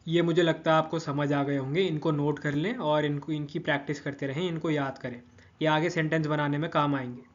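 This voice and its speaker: A man's voice: a little high, fairly even intonation, brisk, muffled recording. A man giving a patient grammar lesson, repeating each word form and checking in with listeners often. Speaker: language teacher.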